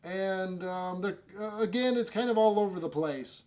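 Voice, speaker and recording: A man's voice: high-pitched, normal speed, darkish tone. A man hosting a casual comedy food review show, joking at his own expense and rambling with fillers. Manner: self-mocking, jokey, rambling with fillers. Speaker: host.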